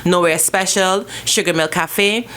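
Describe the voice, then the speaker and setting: A woman's voice: fairly low pitch, measured pace, fairly bright tone, clean tone. A woman organizer graciously and informally thanking sponsors and announcing an event on the radio. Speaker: pageant organizer.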